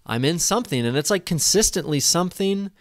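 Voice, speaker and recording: A man in his thirties giving a casual, excited commentary over a replay of his own flight, at a desk microphone in a small room. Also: sits high, fairly quick, no echo, clean studio sound. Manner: enthusiastic, casual, swears when excited. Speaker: paragliding vlogger. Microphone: desk microphone in front.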